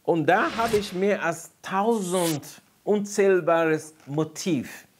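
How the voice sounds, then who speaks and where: A man from Nigeria with a Nigerian accent, a barber and painter, answering interview questions in halting German and searching for words. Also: high voice, a little hiss or hum.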